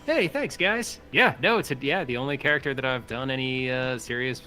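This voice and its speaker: A man's voice: mid-range voice, fairly quick, sharp tone, soft background music. A man co-hosting a casual livestream chat about tabletop games, thinking aloud with lots of fillers. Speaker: podcast co-host.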